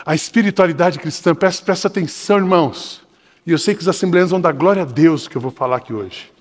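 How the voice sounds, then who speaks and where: An older man with a Brazilian Portuguese accent preaching a sermon in church, swinging between shouting and lowered, urgent tones. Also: fast talker, long reverb tail. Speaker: pastor. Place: church sanctuary.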